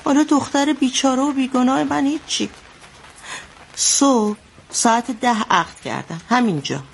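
A woman's voice: high-pitched, vocal fry, a little hiss or hum. An actress playing an anxious mother who recounts a bloody wedding in a radio drama, telling it vividly. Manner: vivid storytelling, shouting out the quotes she retells.

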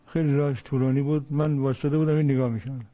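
A middle-aged man, a father, recalling his son in a plain, halting and moved way. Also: medium pitch, steady tone. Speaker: father of a fallen soldier. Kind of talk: emotional personal recollection. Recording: muffled lo-fi audio with faint music.

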